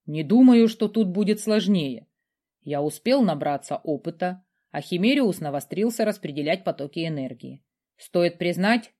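A woman voicing a calm, self-assured young male necromancer, speaking in a measured way. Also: fairly low pitch, lightly acted. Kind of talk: audiobook character voice.

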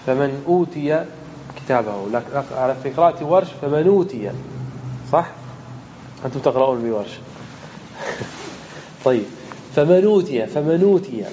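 A man's voice: mid-range voice, warm tone, dull audio, a little hiss or hum. A man, a sheikh, teaching an Arabic grammar lesson to students and explaining each point step by step. He puts questions to the class and then answers them himself. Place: lecture room with students present.

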